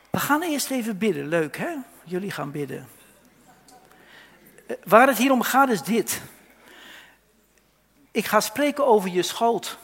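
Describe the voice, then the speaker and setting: High-voiced passionate man preaching. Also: vocal fry. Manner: passionate, swings from loud outbursts to hushed whispers. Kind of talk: sermon. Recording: long hall reverb.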